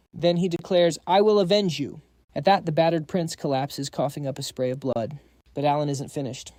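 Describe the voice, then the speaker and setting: A man's voice: mid-range voice, dark tone, no room sound, clean studio sound. A man narrating a scripted story recap, dropping quips to the audience.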